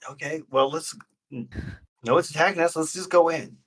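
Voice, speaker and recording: A man's voice: a little high, normal speed, fairly bright tone. Hesitant man playing a tabletop game. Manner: hesitant, reactive. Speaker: player. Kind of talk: casual tabletop play.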